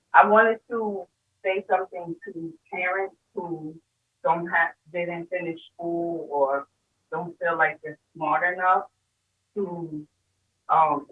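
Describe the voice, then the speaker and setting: A woman on a conference call with her phone held away from her, so her halting, hesitant words come through faint and distant. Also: on the low side, husky. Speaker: caller in a group meeting. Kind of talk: sharing advice on a conference call. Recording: faint, tinny phone line from far off the mic.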